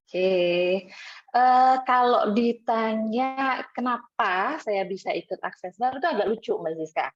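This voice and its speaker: Seorang perempuan tamu wawancara bercerita santai, sering menirukan percakapan dengan nada lebih tinggi. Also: female voice, measured pace, no room sound. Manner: chatty, acts out quoted dialogue with rising pitch. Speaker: interview guest. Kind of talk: casual storytelling. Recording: dull dry lo-fi sound.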